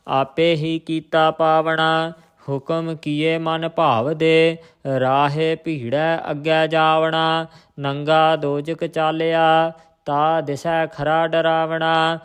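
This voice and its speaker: Man, scripture recitation teacher, slow even chant, smooth clear voice. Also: on the high side.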